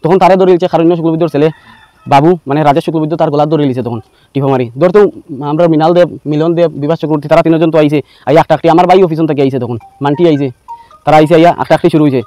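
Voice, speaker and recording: A man tells his account at a breakneck pace, his voice mellow and darkly coloured. He rambles through the story, repeatedly quoting what each person said, in a plain village way of speaking. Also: a little high, steady tone, racing, dry recording. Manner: rambling retelling full of quoted back-and-forth. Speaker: villager giving a statement. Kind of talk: spoken account to camera.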